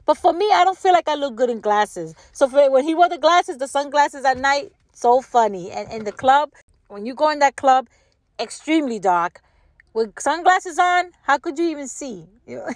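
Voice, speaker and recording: A woman's voice: sits high, animated, moderate pace, no room sound. Older woman chatting casually, close dry sound. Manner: repeats words and phrases for emphasis; conversational, checks in with rhetorical questions. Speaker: solo commentator. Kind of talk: casual rambling chat.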